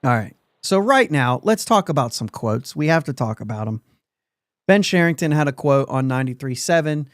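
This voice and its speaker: A man's voice: medium pitch, animated, normal speed, no echo, clean studio sound. A man hosting a sports podcast in casual chat, rambling along and laughing often mid-sentence. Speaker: podcast host.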